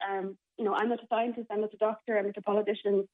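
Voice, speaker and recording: A woman's voice: medium pitch, little pitch movement, racing. Woman on a tinny phone line. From Czech Republic. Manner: hesitant, many fillers and restarts. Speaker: interview guest, theatre programme manager. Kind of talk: radio interview.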